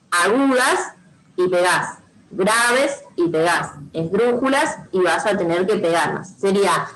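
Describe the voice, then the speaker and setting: A woman with a Rioplatense Spanish accent teaches a class over a video call, her voice sitting fairly high. She explains each step patiently and repeats herself, checking again and again that the children are following. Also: fairly bright tone, low-quality recording. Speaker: primary school teacher. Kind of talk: online class instruction.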